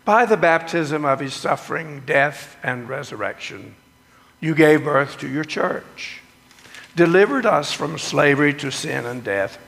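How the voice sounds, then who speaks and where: A male pastor leads the liturgy with slow, deliberate phrasing and a gravelly edge to his voice. Every word rings out in a long cathedral echo that fills the church sanctuary. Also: on the high side, expressive, fairly bright tone. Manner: slow, measured liturgical delivery. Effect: cathedral echo, long church reverb. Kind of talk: sermon and communion liturgy. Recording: long echoing church reverb.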